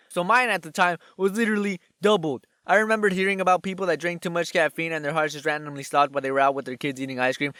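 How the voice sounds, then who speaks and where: A young man telling a comic personal story in an animated, sarcastic way. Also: clean tone, dry recording, clean studio sound. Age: young adult. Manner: animated, sarcastic, jumps in pitch for emphasis. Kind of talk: comedic storytime narration.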